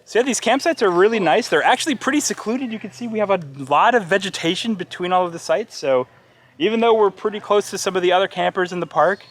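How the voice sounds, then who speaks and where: A young adult American man hosts a casual vlog outdoors. His voice sits a little high for a man, and he explains things in a chatty, easygoing style. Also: quick pace, fairly bright tone. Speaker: vlog host. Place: outdoors on park trails and at a campground.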